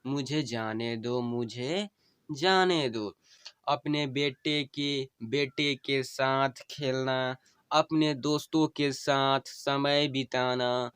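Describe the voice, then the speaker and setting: Dying wife's gentle farewell read by a man, smooth clear tone, unhurried, each plea said twice. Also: medium pitch, steady tone, no room sound, pitched above the performer's own voice. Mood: tender. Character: dying wife pleading with her husband. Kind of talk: emotional story reading.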